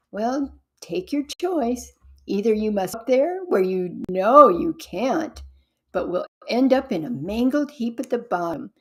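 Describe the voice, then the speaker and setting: A woman reading aloud voices a male villain who mocks and taunts his cousin in a low, quiet, gloating tone. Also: slightly rough. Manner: mocking, gloating.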